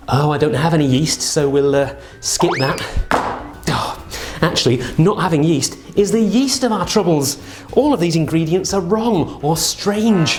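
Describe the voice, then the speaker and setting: A man performs as a kids party magician, addressing children with theatrical, jokey patter. His pitch swings in a very lively way. The room adds a clear echo, and faint music plays behind him. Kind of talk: scripted children's Bible magic show.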